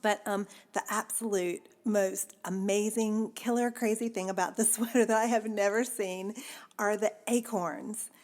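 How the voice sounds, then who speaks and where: A woman's voice: medium pitch, steady tone, a little slow, a little mellow. A woman hosting a podcast in a chatty, casual way, laughing often and using many fillers. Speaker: podcast host. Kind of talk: casual chat.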